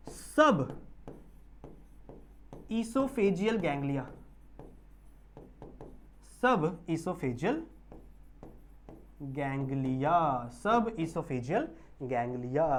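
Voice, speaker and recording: A man with a high voice gives an online biology lecture, mixing English terms into his Hindi. He checks on students' understanding again and again, and he draws technical terms out slowly.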